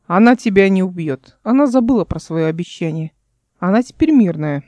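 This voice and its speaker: Kikha, a calm knowing spirit guide, read by a woman. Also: lowish voice, normal speed, no room sound, close to an everyday voice. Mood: reassuring. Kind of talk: audiobook character reading.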